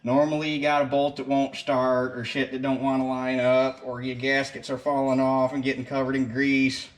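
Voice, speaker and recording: A man's voice: mid-range voice, level tone, moderate pace. A man with a rural American accent talks through a hands-on repair casually, in a folksy, salty-tongued way. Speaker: mechanic presenting his own repair.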